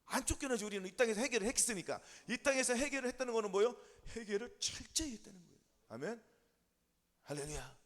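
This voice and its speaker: A male pastor preaches in a very high, lively voice that leaps up and down in pitch. He talks quickly and emphatically, repeating himself and pressing his listeners with rapid yes-or-no questions and calls of amen. The sound carries a long reverb from a church hall. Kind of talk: sermon.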